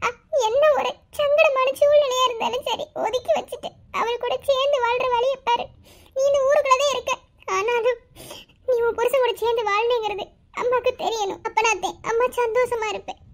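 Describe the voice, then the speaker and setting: A woman's voice: very high-pitched, fairly even intonation, brisk. A woman voicing a fond village mother in a cartoon, with a Madurai Tamil accent, advising her newly married daughter and chuckling through tears. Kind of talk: cartoon voice acting.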